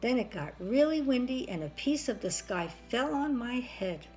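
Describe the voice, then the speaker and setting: A woman's voice: fairly high pitch, sing-song, normal speed, darkish tone, soft background music, voice pushed up. A woman voicing an earnest little hen from a children's storybook, pleading and insistent. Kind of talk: children's storybook read-aloud.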